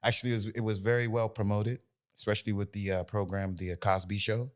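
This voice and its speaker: A man's voice: on the low side, level tone, fast talker. An American man in his forties, a singer, telling his story in a casual interview with many fillers and restarts. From United States. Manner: loose, rambling, lots of fillers and restarts. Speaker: guest, singer.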